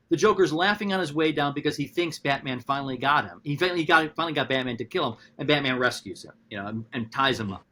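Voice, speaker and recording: On a podcast, an animated male philosophy professor talks through his ideas, frequently starting over. When quoting others, he performs them in abrupt, high-pitched voices.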